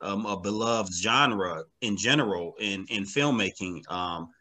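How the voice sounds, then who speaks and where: Appearing as an interview guest, this comic book writer talks in a relaxed, thoughtful way, hammering his points by repeating phrases emphatically. His voice is lowish and a little slow, with a sharp tone.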